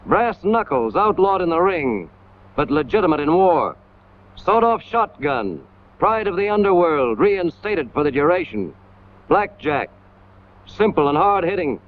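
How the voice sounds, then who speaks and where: With a high-sitting, sing-song voice at a measured pace, an American man from the United States reads scripted 1940s military training-film narration, clipped, emphatic and hard-hitting. The recording is a scratchy, tinny 1940s soundtrack with loud noise.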